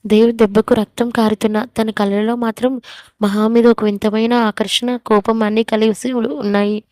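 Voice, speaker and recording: A woman's voice: fairly high pitch, flat delivery, normal speed, no echo. A woman reading a romance story aloud, voicing the characters' quarrels in her own voice. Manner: reads every character's lines in her own voice, louder for the quarrels. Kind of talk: scripted story narration.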